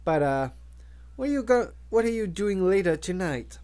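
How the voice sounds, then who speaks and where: A man's voice: high voice, big pitch swings, moderate pace, a little mellow. A man voicing a friendly, curious young male pet-store clerk who talks in an easygoing way.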